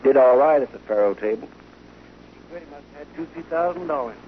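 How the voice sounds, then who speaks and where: Actor as Chester, folksy drawling frontier deputy. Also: male voice, medium pitch, animated, a little fast, lightly acted. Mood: earnest, respectful. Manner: drawling, deferential. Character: deferential, folksy male marshal's deputy in frontier town. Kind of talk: old-time radio western acting. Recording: muffled vintage radio, faint noise.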